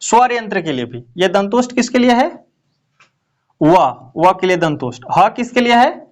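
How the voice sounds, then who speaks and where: High-voiced male teacher quizzing students. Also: big pitch swings, normal speed. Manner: asks students questions and repeats answers. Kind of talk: classroom lesson.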